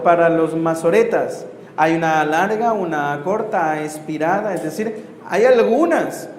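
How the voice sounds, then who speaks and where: A man, a missionary priest, teaches a Bible course to a class. He asks rhetorical questions, corrects himself and pauses to write on the board. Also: high-pitched. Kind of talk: classroom lecture with questions to students. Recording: roomy hall reverb, faint background noise.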